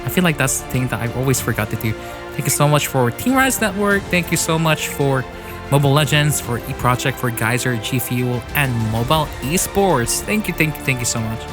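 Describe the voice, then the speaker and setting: A man's voice: medium pitch, expressive, a little fast. A man casting an online mobile esports final in a chatty, laughing way. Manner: chatty, laughs often, thanks sponsors. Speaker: esports caster. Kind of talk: casual esports commentary. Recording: online stream with game music behind.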